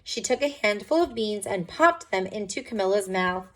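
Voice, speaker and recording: A woman's voice: medium pitch, lively intonation, normal speed, a bit bright. A woman reading a picture book aloud to children, expressively and with dramatic emphasis.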